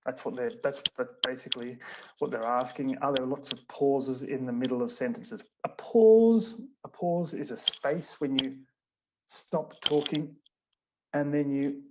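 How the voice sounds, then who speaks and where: A man's voice: mid-range voice, steady tone, normal speed. A man, an English teacher explaining things in an online seminar, with many fillers and restarts. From Australia. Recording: muffled online stream with background noise.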